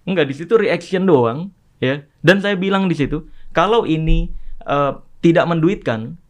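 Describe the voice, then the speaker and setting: A man with a high voice sits in for casual podcast chat. He tells his story animatedly and raises his voice to act out each person's lines. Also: normal speed. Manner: animated, acts out quoted exchanges in a raised voice. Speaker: podcast guest.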